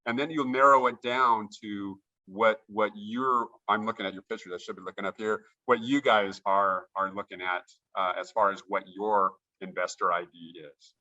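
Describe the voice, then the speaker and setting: A man's voice: lowish voice, steady tone, moderate pace, few pauses, pushed and bright, lo-fi sound. A man chatting keenly as a guest over a video call, often restarting his sentences. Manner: enthusiastic, with frequent restarts. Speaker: guest note investor. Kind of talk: casual interview chat.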